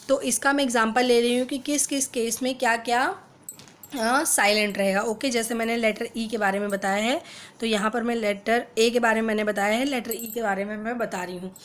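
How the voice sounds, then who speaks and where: A woman giving a phonics lesson, reading English rules out word by word. She speaks at an unhurried, patient pace in a fairly high voice, switching between Hindi and English. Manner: explains slowly, mixing Hindi and English; reads English rules very slowly and deliberately. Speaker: teacher.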